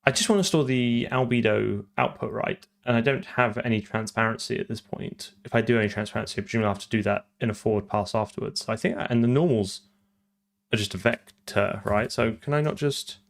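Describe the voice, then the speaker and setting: A man's voice: lowish voice, a little fast, gravelly. A man live-streaming his programming, talking through code and answering chat, often trailing off and repeating words.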